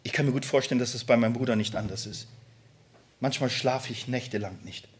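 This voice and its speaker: A male preacher and church elder giving an emotional sermon, swinging between loud emphatic outbursts and quiet confessions and often checking in with the congregation. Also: medium pitch, brisk, husky.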